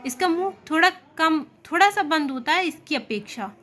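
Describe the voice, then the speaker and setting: High, bright-voiced woman teaching Hindi grammar. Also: expressive. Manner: repeats points as questions and answers them herself; demonstrates vowel sounds slowly and loudly. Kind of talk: exam-prep lesson.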